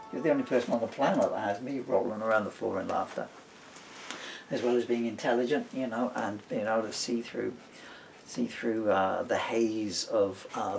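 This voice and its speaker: A middle-aged British man, a father, author and stage performer, chats casually and reads his own comic writing aloud, rambling playfully through digressions. His voice is fairly low, gravelly and darkish, caught on a camera mic in a rough recording.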